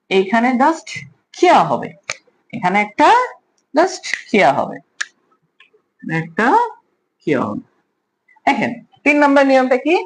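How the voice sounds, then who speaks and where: A man teaching a class, who asks his students questions and then repeats each answer slowly. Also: very high voice, slight background noise, rough recording. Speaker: language teacher. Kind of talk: online class lesson.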